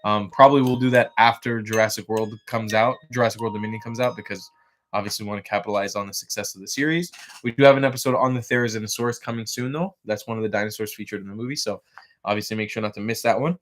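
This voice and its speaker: A man's voice: lowish voice, fairly even intonation, fast talker, fairly bright tone. Rambling, sleepy livestream host, man. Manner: chatty, rambling, frequent fillers and restarts. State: yawning, tired. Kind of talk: casual livestream chat.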